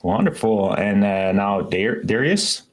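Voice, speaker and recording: A man's voice: lowish voice, lively intonation, slow pace. Upbeat chatty man hosting a livestream. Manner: enthusiastic, chatty, often restarts. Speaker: show host. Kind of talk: casual livestream chat.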